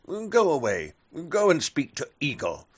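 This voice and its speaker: A proud lion king who talks gruffly and mockingly, dipping low before he grows loud, as a man puts him on for a storybook. The voice is bright, a little husky, and lively in pitch. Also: unhurried, exaggerated voice.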